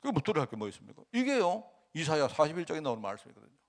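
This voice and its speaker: A man's voice: a little high, sing-song, rapid-fire, creaky. A male pastor preaching a conversational sermon in a church, often asking the congregation rhetorical questions.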